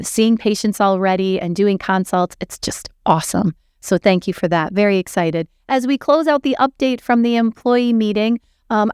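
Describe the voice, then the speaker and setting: A woman's voice: medium pitch, smooth, no room sound, clean studio sound. A woman hosting a hospital's internal video show, giving an upbeat, enthusiastic update with frequent fillers. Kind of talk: casual organizational update.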